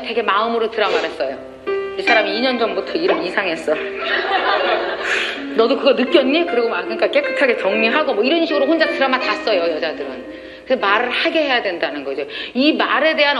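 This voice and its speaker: A woman giving a lively lecture, telling stories and acting out quoted dialogue with frequent laughter. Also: fairly high pitch. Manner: animated, acts out quoted dialogue, laughs often. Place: lecture hall. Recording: echoey hall with faint noise.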